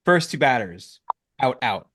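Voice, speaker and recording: Animated male podcast co-host telling a story. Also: mid-range voice, a little slow, slight background noise. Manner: animated storytelling, acting out his own quotes. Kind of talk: casual chat.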